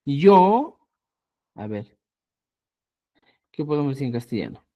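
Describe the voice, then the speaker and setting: A language teacher giving a class, repeating example phrases slowly and checking understanding with frequent "¿ya?". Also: mid-range voice, very animated, highs cut off. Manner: spells out example phrases syllable by syllable. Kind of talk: online class lecture.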